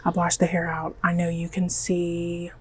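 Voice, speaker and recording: A Southern US beauty vlogger chats to her camera at home as she dyes her hair, in a rambling, nervous, self-mocking manner with lots of "like." Her voice is on the low side, monotone, and a little mellow, at a measured pace, with slight background noise.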